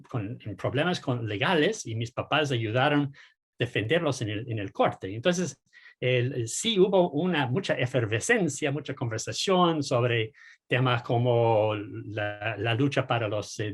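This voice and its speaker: Hesitant man in his sixties, husky. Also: medium pitch. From United States. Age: 60s. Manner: hesitant, many repeated words and fillers. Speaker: guest political scientist. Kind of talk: casual interview answers.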